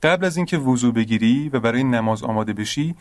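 A patient, earnest young roommate, played by a man in a radio drama, with a mid-pitched voice recorded close and dry. He explains things step by step and sounds mildly exasperated. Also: dry recording, natural voice.

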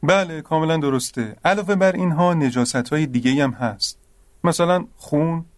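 A young man playing an earnest roommate who patiently explains religious rules, gently exasperated. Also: on the high side, no room sound, lightly acted. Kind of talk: radio drama acting.

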